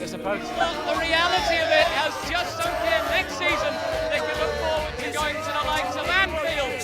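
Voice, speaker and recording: Upbeat high-voiced male sports presenter. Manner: polished, upbeat broadcast delivery with light banter. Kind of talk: broadcast sports presenting and reporting.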